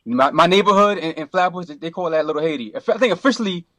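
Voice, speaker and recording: A middle-aged man from Brooklyn, a podcast guest who talks in a relaxed, rambling way, full of restarts and you-knows. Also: a little high, racing. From Brooklyn, New York. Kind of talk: casual interview.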